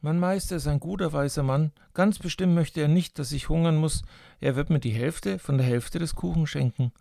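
A man's voice: a little high, moderate pace, gravelly, dark tone, no echo, studio quality. A man voicing a hungry, greedy boy who talks himself into eating more. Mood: scheming. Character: greedy hungry boy, sly and self-justifying.

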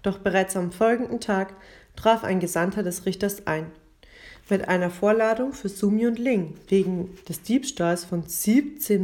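A woman reading a story aloud in a steady, measured way. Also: medium pitch.

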